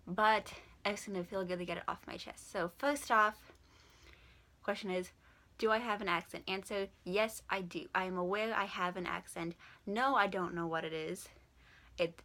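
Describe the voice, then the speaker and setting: A woman's voice: medium pitch, bright, forceful tone. A young woman from Washington State with a speech impediment, saying w for r, chatting frankly and informally in a question-and-answer vlog. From Washington State, USA. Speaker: vlogger.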